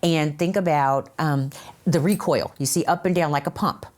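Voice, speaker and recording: A woman's voice: low voice, moderate pace, a little mellow. An American woman teaching hands-only CPR in a casual chat, stressing key points and repeating phrases for emphasis. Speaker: CPR instructor.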